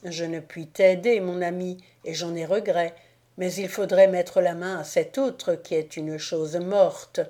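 Lady reading calm old saint, mild, slow. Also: lowish voice, natural voice. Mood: regretful. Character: old saint, gentle and regretful.

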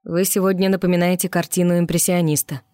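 A woman voicing a mysterious, confident, flirtatious man who speaks smoothly and slowly in a spoken story. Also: fairly low pitch, level tone, mellow, no echo, close to an everyday voice. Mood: smooth, teasing.

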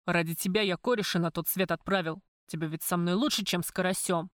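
A woman's voice: lowish voice, steady tone, a little fast, no echo, studio quality, close to an everyday voice. A woman reading the part of a jealous, threatening male crime boss with a coarse, suspicious manner. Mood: menacing.

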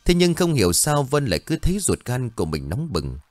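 A man narrating a horror story in a steady, dramatic storytelling manner. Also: mid-range voice, brisk, no echo, faint music behind.

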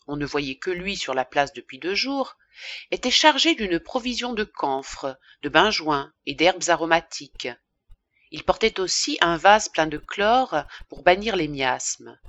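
A woman narrating a classic novel as an audiobook in a measured, even reading. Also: lowish voice, dry recording, muffled recording. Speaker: audiobook reader.

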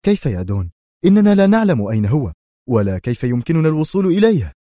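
A man's voice: mid-range voice, a little fast, a little mellow, no echo, studio quality, pitched above the performer's own voice, lightly acted. A man voicing an indignant, hot-tempered mafia gunman in an audiobook, snapping out his lines. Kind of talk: audiobook character voice.

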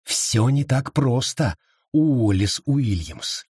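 A domineering older brother who threatens and scorns, read by a male narrator close to his own voice. The tone is husky and dry, and the pitch rises and falls widely. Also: expressive, slow pace, darkish tone, dry recording, full character voice. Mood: scornful. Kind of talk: audiobook reading.

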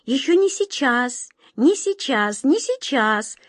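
A woman playing an excitable whirlwind spirit boy. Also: high voice, slow pace, breathy edge, dry recording, studio quality, voice pushed up, heavily acted. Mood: insistent. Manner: excited, whistling, darting delivery. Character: lively boyish whirlwind spirit, quick and touchy.

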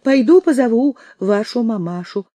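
A fussy, tearful young maid who frets and chatters over her young mistress, as a woman reader puts her on. The voice sits somewhat above the reader's own, dark and mellow in tone, in an audiobook read close and dry. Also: on the high side, lively intonation, moderate pace, no echo, voice pushed up. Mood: doting. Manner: fretful, doting, chattering.

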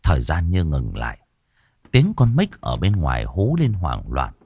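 Dramatic horror narrator. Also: male voice, rumbling low, huge pitch swings, darkish tone, husky, no room sound. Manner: slow, dramatic, suspenseful. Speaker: storyteller.

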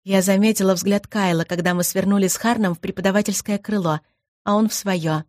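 A woman's voice: medium pitch, steady tone, fairly quick, a little mellow, dry recording, clean studio sound. Woman reading a first-person story. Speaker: audiobook narrator. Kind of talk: scripted first-person narration.

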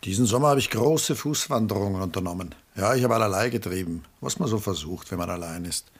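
The actor voicing Julian, a bitter, lonely aging artist and self-pitying father in a mid-century German radio play, speaks fast and on the low side. He sounds weary and bitter, brooding and melancholy, his husky voice falling to hushed moments.

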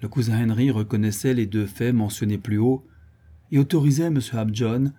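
A man reads a classic novel aloud as an audiobook narrator, steady and measured. His voice is mellow and dark, with a slightly husky texture. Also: mid-range voice. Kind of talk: scripted literary narration.

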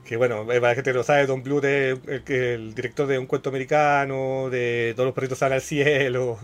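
A man's voice: medium pitch, steady tone, fairly quick. A man in his thirties with a Chilean accent, hosting a casual podcast and explaining at length in a chatty, slangy way. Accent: Chilean Spanish. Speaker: podcast host.

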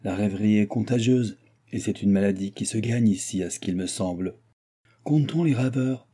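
A man voicing a grumbling old aristocratic baron who blusters and mocks, with loud outbursts, in an audiobook. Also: fairly low pitch, normal speed, natural voice. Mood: sardonic. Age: older. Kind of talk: audiobook character voice.

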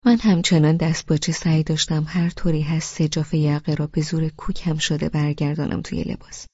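A woman's voice: low-pitched, fairly even intonation, dark tone, slightly rough, no room sound, highs cut off. A woman narrating a novel in the first person, intimate and sometimes close to a whisper. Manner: intimate, at times dropping to a whisper. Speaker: audiobook narrator.

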